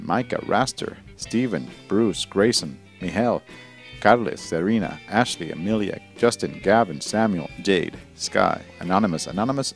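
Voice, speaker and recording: A male host signing off his show, wisecracking and profane as he rattles off thank-yous. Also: deep voice. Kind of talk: irreverent show sign-off.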